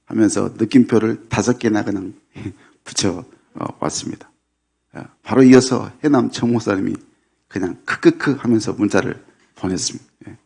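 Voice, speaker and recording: A middle-aged pastor, his lowish voice creaky with a breathy edge, preaches a Sunday sermon from the church sanctuary. He takes his time, tosses in little affirming "yes" fillers, and keeps the tone light with mild jokes.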